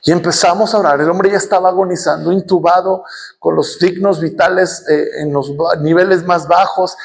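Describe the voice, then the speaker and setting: Mexican pastor, middle-aged man, high voice, preaches a church sermon with impassioned shouting. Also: steady tone, moderate pace, creaky. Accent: Mexican Spanish. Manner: storytelling, rising to passionate shouting.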